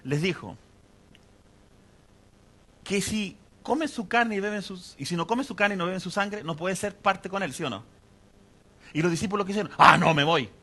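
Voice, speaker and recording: Man preaching with bright, higher pitch. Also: lively intonation, normal speed, pauses often. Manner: conversational preaching, asks the congregation questions. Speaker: pastor. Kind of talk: sermon.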